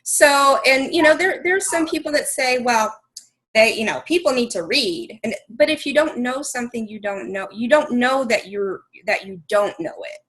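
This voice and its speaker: A woman talking thoughtfully on a podcast, slow and searching for words as she explains her point. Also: fairly high pitch, expressive, fairly bright tone, poor audio. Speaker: podcast co-host. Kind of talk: casual conversation.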